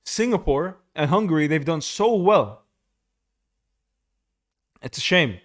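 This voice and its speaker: Excitable young man calling a live race. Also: fairly high pitch, takes it slowly. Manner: casual, excitable, says bro a lot. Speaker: streamer.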